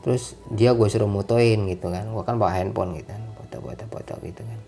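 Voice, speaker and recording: A young man tells a story in easy street slang, acting out each exchange with lively energy. His voice sits low and mellow. Soft music plays faintly underneath. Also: quick pace, creaky. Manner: animated, slangy, acts out dialogue. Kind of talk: casual spoken storytime.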